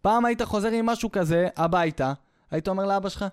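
A man's voice: high-pitched, clear, resonant tone. A man hosting a podcast, delivering a sarcastic, scornful comedic rant. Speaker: podcast host.

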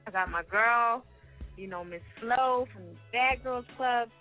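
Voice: mid-range voice, measured pace, soft background music. Loose profane radio host on a tinny line. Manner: loose, profane, drawling "y'all" slang. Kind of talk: casual call-in radio talk.

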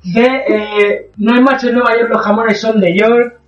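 A man's voice: high voice, fairly even intonation, normal speed. A man, co-hosting a casual podcast chat, exclamatory and full of swearing and mock outrage. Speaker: podcast co-host. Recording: roomy, distant, dull, crowd behind.

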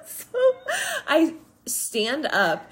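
A woman's voice: on the high side, sing-song, extremely slow. A young woman co-hosting a podcast, telling stories in casual chat and laughing often. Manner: chatty storytelling, laughing often. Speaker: podcast co-host.

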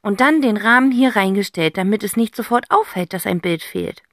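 A woman voicing an excited, sharp-witted girl detective in a children's audiobook. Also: medium pitch, normal speed, no echo, clean studio sound, natural voice.

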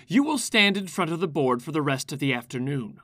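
A woman's voice: sits low, big pitch swings, brisk, fairly bright tone, no echo, clean studio sound, full character voice. A woman playing a strict male village schoolteacher in a period audio drama, clipped, formal and scolding. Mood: stern, scolding.

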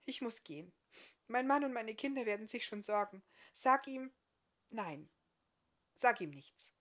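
A woman's voice: on the high side, expressive, a little slow, voice pushed up. A woman reading aloud, voicing an emotional woman who is a mother and a sister, with an urgent, outspoken manner. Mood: hurried.

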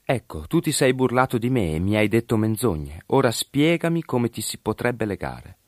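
A man voicing an insistent, scheming young woman who cries out in a raised, high voice. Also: big pitch swings, normal speed, a little mellow, dry recording, studio quality. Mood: reproachful.

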